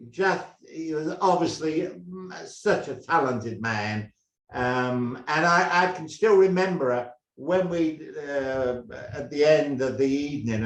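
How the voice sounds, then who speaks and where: An older man from England, a former drummer, telling stories in a halting, rambling way with many restarts. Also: a little high. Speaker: guest, former band drummer. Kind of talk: casual interview storytelling. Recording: roomy echo.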